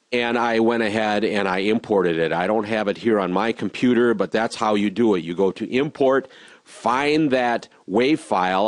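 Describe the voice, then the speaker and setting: A man teaching robotics in a screen-recorded software tutorial, walking through each step patiently and repeating reminders. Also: medium pitch, no room sound.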